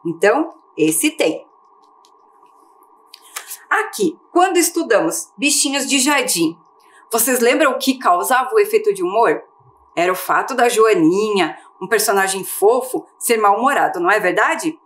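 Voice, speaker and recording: A woman's voice: medium pitch, lively intonation, normal speed, fairly bright tone. A woman teaching a televised primary-school lesson in Brazilian Portuguese, patiently asking questions and answering them herself. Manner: patient, asks and answers her own questions.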